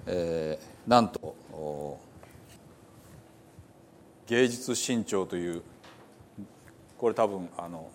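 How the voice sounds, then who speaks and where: A man's voice: deep voice, very slow, pauses often, a little hiss or hum. A man, a pastor, talking casually to his congregation in a chatty, amused way. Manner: chatty, amused, reads quotes with a laugh.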